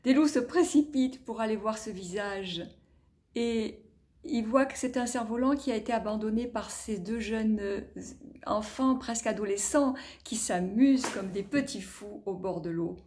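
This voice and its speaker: A woman narrating a storybook tale in an expressive, partly whispered way. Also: fairly high pitch, moderate pace.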